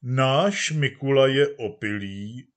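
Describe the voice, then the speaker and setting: A man voicing a smooth-talking male party orator with a pleasant baritone, making a slow, rhetorical speech in a storybook reading. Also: close to an everyday voice. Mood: genial.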